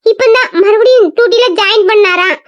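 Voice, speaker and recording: A woman's voice: very high voice, a little fast, no room sound, dull audio. A woman voicing a worried, tearful young woman doctor who pleads anxiously. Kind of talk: audio drama acting.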